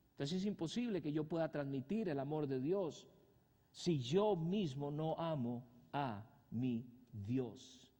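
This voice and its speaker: Man preaching in a church, fairly high voice, really lively swings, long echo in the hall. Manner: animated preaching with sudden loud rises and soft drops; rhetorical questions to the congregation. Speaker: pastor. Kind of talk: sermon.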